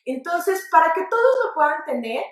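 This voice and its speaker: High-voiced Mexican woman teaching spelling. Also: moderate pace, very echoey, recorded from a distance. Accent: Mexican Spanish. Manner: lively, addresses viewers directly, asks them to repeat aloud. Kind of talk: online grammar lesson. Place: studio set with floor manager.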